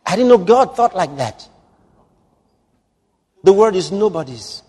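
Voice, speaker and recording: A male pastor preaching a sermon, moving from hushed, drawn-out lines to loud exclamations. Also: high voice, big pitch swings, breathy edge. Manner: dramatic, swings from hushed to exclaiming. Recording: long hall reverb.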